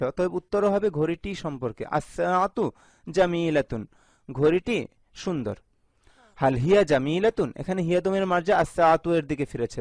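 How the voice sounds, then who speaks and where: A man from Bangladesh teaching an Arabic lesson in a video, going slowly and repeating each phrase with its translation. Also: on the high side, dry recording.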